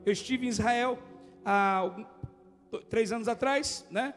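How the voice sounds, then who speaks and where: Brazilian male pastor, very high voice, animated and shouting, reverberant hall with soft music. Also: a little slow. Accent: Brazilian Portuguese, from Goiânia. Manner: animated, shouting, jokey and colloquial. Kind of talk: lively preaching sermon. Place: church hall.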